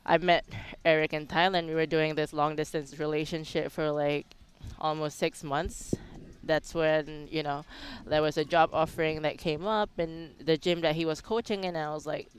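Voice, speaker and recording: A Singaporean woman with a low, smooth voice speaks candidly and introspectively as an interview guest in casual conversation, frequently using "like" and "you know".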